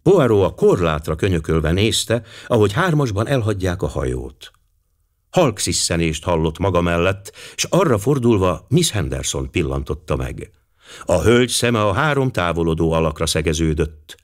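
A man reading an audiobook as the narrator, in an expressive storytelling style. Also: low voice. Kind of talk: scripted narration.

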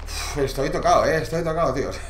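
A man's voice: fairly high pitch, lively intonation, fast. A man commentating a horror game, panicky and swearing. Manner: panicky, swearing, shouting in fright. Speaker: gamer. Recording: echoey room.

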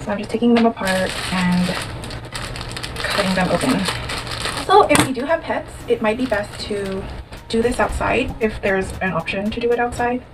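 A woman's voice: mid-range voice, normal speed, noisy background. A woman in her thirties from the Philippines, chatting casually in a rambling vlog with fillers and restarts, talking to the camera from her car and then at home. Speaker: vlogger. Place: car at night, then small room at home. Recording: loud music bed under the voice.

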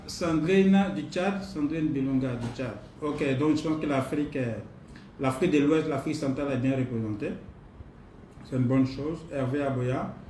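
French-speaking trainer with an unhurried manner. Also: male voice, fairly high pitch, darkish tone. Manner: unhurried, repeats himself, many pauses and fillers. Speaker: online course trainer. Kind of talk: live online class, greeting participants. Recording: roomy distant mic, faint noise.

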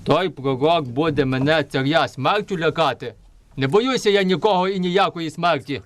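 A man's voice: on the high side, moderate pace, a little hiss or hum, lightly acted. A man performing a wrathful, boastful tyrant king in a folk nativity puppet play, speaking in a pompous, commanding declamation. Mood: wrathful, defiant.

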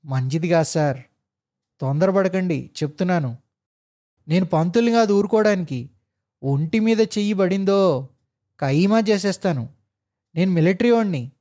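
A man voicing a fiery, righteous ex-military jeep driver who shouts indignantly. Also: on the high side, expressive, brisk, husky.

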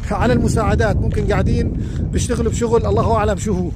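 A man's voice: sits high, steady tone, racing, very noisy. A man with a Levantine Arabic accent gives earnest advice as a life coach on a live stream, speaking outdoors beside a lake into a phone. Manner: earnest, advising, addresses viewers directly.

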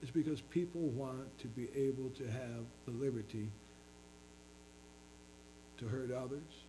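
A man's voice: medium pitch, steady tone, measured pace, background noise. A man preaching a sermon as pastor, earnestly reading scripture in King James wording.

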